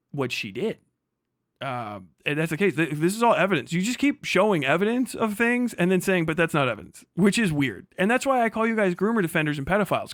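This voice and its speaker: Heavy swearing and repeated phrases mark this man's indignant, mocking live reaction stream, which is combative and unscripted. He has a fairly high, fairly bright voice, recorded in studio quality without any room sound.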